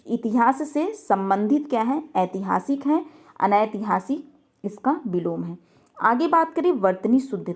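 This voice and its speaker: A woman teaching a grammar lesson, posing questions and answering them herself, repeating key words slowly. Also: fairly high pitch, a little mellow.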